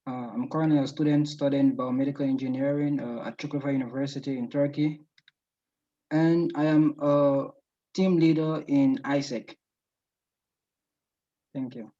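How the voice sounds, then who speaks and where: A man's voice: mid-range voice, fairly even intonation, moderate pace, long pauses, dark tone, lo-fi sound. A man from Liberia, an engineering student, giving a brief, formal self-introduction on a video call.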